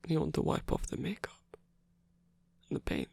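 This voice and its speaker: Playful and shy, a performer voices a tender rock frontman who flirts but gets flustered in an intimate ASMR romance roleplay, speaking in a hesitant, halting, husky whisper. The tone is warm and the acting light.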